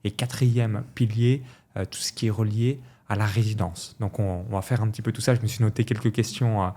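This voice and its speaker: A man's voice: fairly low pitch, steady tone, fairly quick, dark tone. A man hosting an interview podcast, asking questions and laying out his topics in an orderly way. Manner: structured, lays out points in order. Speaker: podcast host.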